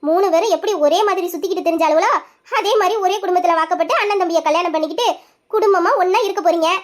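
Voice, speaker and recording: A high young voice playing a warm woman of the family, speaking in a reassuring way. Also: very fast.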